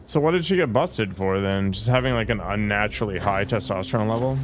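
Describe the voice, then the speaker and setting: This streamer offers casual gameplay commentary, thinking out loud with fillers and drifting off mid-thought. He has a voice on the low side and speaks fairly quickly.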